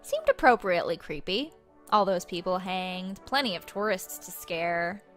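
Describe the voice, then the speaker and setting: A woman's voice: on the low side, very animated, moderate pace, soft background music. A young woman playing a bubbly, slangy female ghost who vlogs her afterlife in a breezy, flippant valley-girl manner for a comedy web series. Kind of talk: comic vlog monologue.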